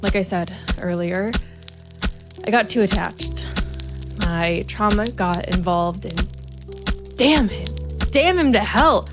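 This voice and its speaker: An actress with a mid-range voice plays a grim female private investigator bent on vengeance, narrating a noir audio drama. Her delivery is hardboiled, deliberate and brooding, with a bitter, angry mood. Music runs in the background.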